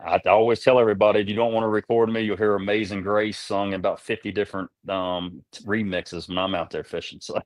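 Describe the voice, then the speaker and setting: A man's voice: fairly low pitch, steady tone, quick pace, hardly any pauses, no room sound. A man telling rambling fishing stories in a folksy way, repeating words as he goes, in a casual interview. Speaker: guest, tournament kayak angler.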